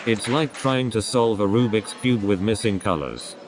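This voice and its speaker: A man with a slightly low voice runs through a stand-up comedy set, firing off deadpan one-liners. Loud crowd laughter rolls in behind him between jokes. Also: normal speed, background noise. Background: audience laughter.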